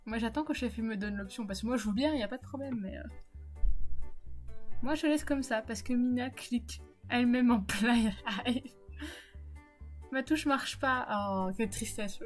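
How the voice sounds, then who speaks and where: A woman's voice: on the high side, moderate pace, long pauses, soft background music. A woman streamer chatting casually with her viewers while setting up and playing a game, laughing often. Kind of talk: casual live-stream chat while gaming.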